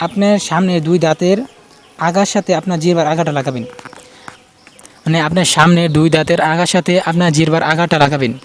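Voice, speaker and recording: A man with a somewhat high voice gives a casual pronunciation lesson. He repeats each letter sound patiently and keeps pointing out where in the throat or mouth it is made. Faint noise sits behind him. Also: steady tone, quick pace. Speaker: Quran recitation teacher.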